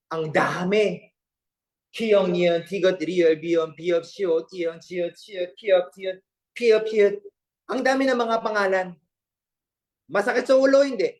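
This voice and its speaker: High-voiced man teaching an online class. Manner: playful, repeats questions to students, jokes mid-lesson. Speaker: Korean language teacher.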